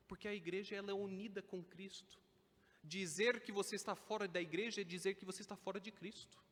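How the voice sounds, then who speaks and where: A pastor preaches a Sunday evening sermon in a church sanctuary, building to emphatic stresses. His voice is high-pitched and a bit bright, and the church hall gives the recording a long reverb.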